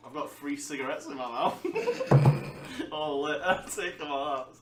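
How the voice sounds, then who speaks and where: A man's voice: a little high, huge pitch swings, measured pace, distant mic. A man as a drawling unhinged chef. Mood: rambling. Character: unhinged perfectionist chef, chain smoker. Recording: echoey noisy room, off-mic.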